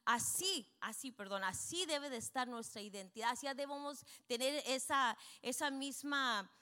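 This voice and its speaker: A middle-aged woman preaching a bilingual sermon in Spanish and English, emphatic, peppering her lines with amens and slowing down on key points. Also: sits high, sharp tone. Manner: switches between Spanish and English, frequent amens.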